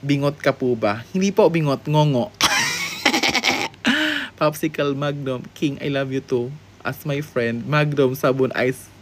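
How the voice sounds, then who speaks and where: A man from the Philippines hosting a live-stream guessing game, playful and sassy, greeting viewers and teasing answers with sudden high exclamations. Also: normal speed, background noise. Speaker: livestream host.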